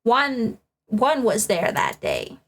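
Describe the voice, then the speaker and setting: A woman's voice: on the high side, wildly swooping pitch, takes it slowly, full character voice. A woman voicing a cranky, gossipy old woman security guard in a scolding old-lady drawl, reading game dialogue aloud. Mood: grumbling.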